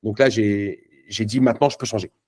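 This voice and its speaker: A man's voice: lowish voice, fairly even intonation, a little fast, a little mellow, husky. A man giving a live motivational talk at a network marketing event, punchy and emphatic, speaking casually to the crowd. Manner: many fillers and restarts, casual slang.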